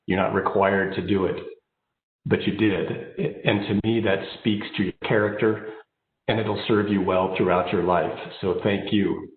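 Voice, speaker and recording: Low-pitched and level, the voice moves at an unhurried pace. It belongs to a keynote speaker, an engineering executive in his fifties who was born in Japan, grew up overseas, and later lived in the United States; he's an American with a slight head cold, speaking remotely in an informal, personal way. The sound is narrow like a phone line and carries a roomy echo.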